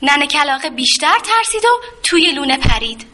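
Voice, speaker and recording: A woman narrating a children's story in a gentle, expressive way. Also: sits high. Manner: gentle, expressive, with sound effects.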